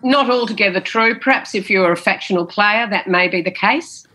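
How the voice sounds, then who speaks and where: A former politician answers interview questions with a big theatrical voice, telling stories emphatically and often repeating phrases and saying "you know." Her mid-range voice sounds pushed and bright at a moderate pace. The recording is rough.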